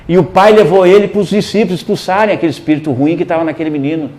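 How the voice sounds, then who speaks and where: A man preaching a sermon, telling a personal story and swinging between hushed and emphatic delivery. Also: fairly high pitch, fairly even intonation, very fast. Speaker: pastor.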